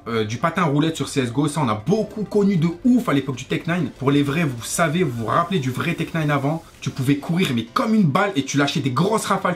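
A man, ranting casually as a gaming YouTuber in sweary street slang. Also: a little high. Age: 20s. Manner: French street slang, swearing, familiar address. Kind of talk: casual rant to camera over gameplay. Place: small bedroom, indoors. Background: faint music.

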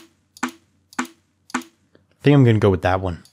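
A young man with a low, slightly raspy voice walks through a casual music production tutorial from a small room at home. He takes it slowly over music, relaxed and chatty, filling his explanations with fillers.

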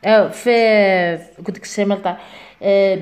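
A woman with an Algerian accent teaching an English exam revision lesson. She explains in dialect and reads the English sentences slowly. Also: medium pitch, fairly even intonation, darkish tone, soft background music.

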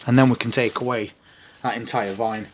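A man's voice: mid-range voice, steady tone, moderate pace, background noise. A man, giving practical gardening advice straight to camera from a greenhouse. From England. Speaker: gardening channel host. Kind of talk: instructional gardening video. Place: greenhouse on an allotment.

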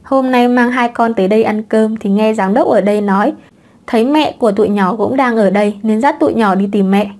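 A woman voicing a calm, composed young father in an audiobook. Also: a little high, a little fast, lightly acted.

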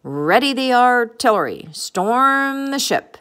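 A woman's voice: mid-range voice, expressive, unhurried. A woman reading a storybook aloud and voicing a blustering male pirate captain who roars his orders. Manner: loud, roaring orders.

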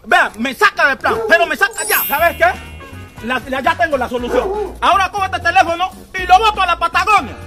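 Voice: very high voice, animated, brisk, over music. A performer playing a stubborn, hot-tempered older uncle in a comedy sketch, insisting over and over that he wants out. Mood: defiant. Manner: stubborn, insistent, raises voice in bursts.

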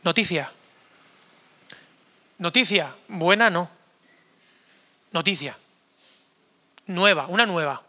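A hoarse male pastor preaching an energetic, joking sermon to young people in a church, acting out quoted voices. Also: sits high, slow pace, long pauses. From Spain. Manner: animated, jokey, acts out quoted voices. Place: church hall.

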